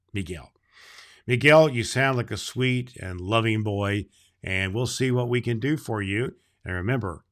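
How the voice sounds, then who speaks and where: Playing Santa Claus, a deep-voiced man reads a children's book aloud and talks to kids in a slow, gentle storytelling way.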